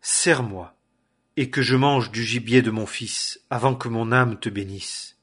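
A man reading the lines of an aged blind father in a solemn, measured way. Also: medium pitch, steady tone, fairly bright tone, husky. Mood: questioning.

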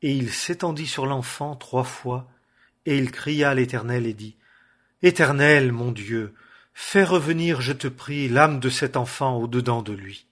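Husky-voiced man reading scripture. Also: mid-range voice, a little slow. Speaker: Bible reader.

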